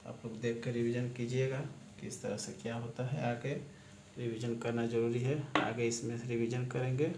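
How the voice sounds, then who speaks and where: A man gives a casual shorthand lesson, walking through examples one by one and repeating the same phrases. His voice stays flat and even, with little rise or fall. He is recorded in an echoey room with a faint hiss behind him. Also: medium pitch, moderate pace. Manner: repetitive, walks through examples step by step. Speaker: shorthand teacher.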